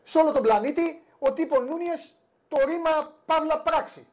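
A man's voice: extremely high pitch, a little mellow. A man hosting a casual sports talk show, teasing and playful in banter.

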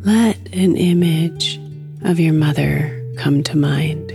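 A woman guiding a meditation in a soft, soothing manner, leaving long pauses between phrases. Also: deep voice, creaky, over music. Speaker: guided meditation host. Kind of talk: guided meditation narration.

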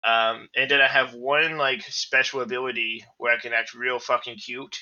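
A bitter, distrustful android teddy bear, as a man puts him on for a tabletop game, talking with a lisp in a gruff adult voice. The tone is very bright and edgy, and he stalls on ums between phrases. The recording is lo-fi and muffled. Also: mid-range voice, flat delivery, moderate pace. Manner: hesitant, many fillers. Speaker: player. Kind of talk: tabletop role-play character voice.

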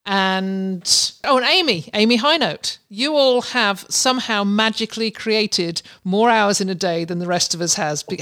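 A woman's voice: medium pitch, a bit bright. Effusive middle-aged woman hosting a podcast. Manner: effusive, addresses listeners directly and personally. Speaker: podcast host. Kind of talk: unscripted podcast sign-off, chatting to listeners.

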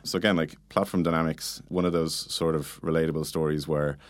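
Speaking fairly quickly in a rumbling low, level voice, a male product manager gives casual conversational interview answers. He explains things informally, often saying "like" and "you know." The recording is dry.

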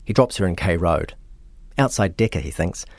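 A man, hosting and narrating a true-crime story in a measured, matter-of-fact way. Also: sits low, animated, dry recording, clean studio sound. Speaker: podcast host.

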